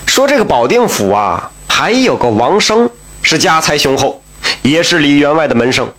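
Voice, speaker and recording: A man's voice: fairly high pitch, very animated, normal speed, a bit bright. A man telling a folk tale in a chatty, colloquial way, with asides and exclamations. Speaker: storyteller.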